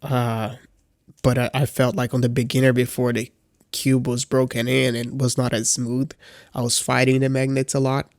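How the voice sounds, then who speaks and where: A man with a cold speaks in a congested, medium-pitched voice, flat and at a moderate pace, for a casual product review vlog. He's a beginner, hesitant, full of fillers and restarts. The studio-quality recording has no echo.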